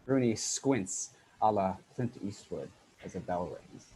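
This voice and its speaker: A man reading stage directions in a brisk, matter-of-fact way at an unrehearsed script read-through. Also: fairly low pitch, animated, warm tone, slight background noise, low-quality recording.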